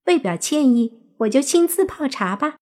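Woman doing a high, hasty apologizer. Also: sing-song, normal speed, a little mellow. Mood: apologetic. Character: anxious smoothing-over relative, high and hurried.

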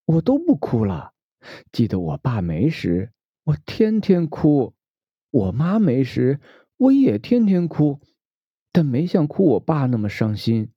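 Guy doing a worn-out heartbroken middle-aged woman, higher voice, pleading, sometimes whispers, slow. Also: huge pitch swings, slightly rough, no echo, exaggerated voice. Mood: sad pleading. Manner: pleading, breaks into unvoiced whispers. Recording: dull lo-fi recording.

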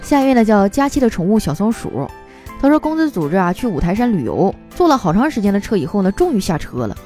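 A woman's voice: medium pitch, sing-song, quick pace, mellow, soft background music. A woman radio host reading out listener jokes in a playful, chatty way. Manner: playful, chatty, mimics voices for quoted people. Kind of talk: casual comic storytelling.

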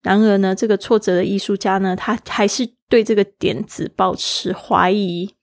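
A woman's voice: medium pitch, steady tone, moderate pace, gravelly, no room sound. A woman teaching an English lesson, explaining words and spelling them letter by letter, switching often between her own language and English.

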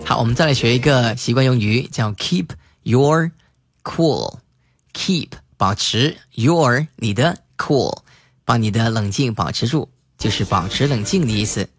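A man teaching English vocabulary, spelling words letter by letter and repeating example sentences slowly. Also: medium pitch, breathy edge, no echo, soft background music. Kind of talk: spoken English lesson.

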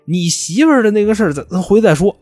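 A man's voice: animated, quick pace, a little mellow, slightly rough, no echo, soft background music. A man voicing a crying older mother who coaxes her son to come home. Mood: tearful pleading. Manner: crying, coaxing, high and strained. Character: older woman, tearful, pleading mother.

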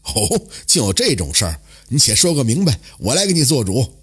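A man voicing a shrewd middle-aged magistrate who speaks in a measured, dryly amused way. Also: mid-range voice, big pitch swings, fairly bright tone, breathy edge, full character voice. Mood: wry.

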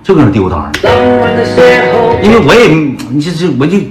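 A man's voice: a little high, huge pitch swings, fairly quick. A young man with a Northeastern Chinese accent telling a crude comic story of his own and acting out every voice, in an echoey room with music behind.

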